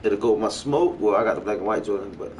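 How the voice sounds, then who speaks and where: Hosting a game stream from home, a man chats in casual, slang-laden, profane talk. His voice is lowish and darkish in tone, and he speaks fast. The stream is noisy, with game ambience in the background.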